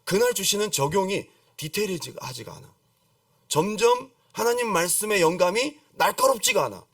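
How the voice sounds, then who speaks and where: A middle-aged man preaching a lively sermon as a pastor, acting out pleading prayers and calling on the congregation to repeat after him. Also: sits high, normal speed, no echo, clean studio sound, distant mic. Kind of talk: lively Friday-service sermon. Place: church sanctuary.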